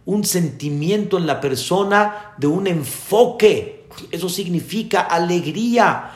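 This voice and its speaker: A man, a rabbi giving an earnest sermon to his congregation. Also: on the high side. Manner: earnest, addressing the congregation directly. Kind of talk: sermon with storytelling. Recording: echoey room.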